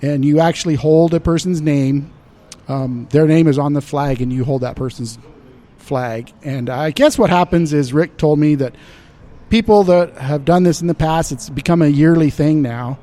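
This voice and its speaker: A middle-aged man, a studio guest, chatting casually and rambling through a story, his voice trailing off softly. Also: on the high side, normal speed. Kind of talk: casual chat. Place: indoor shop space.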